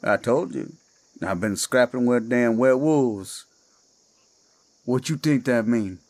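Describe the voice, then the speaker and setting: With a medium-pitched, somewhat dark voice, a man with a Cajun accent portrays a menacing werewolf acting as a friendly swamp guide. It's a horror audio drama, and he speaks in a slow, coaxing drawl.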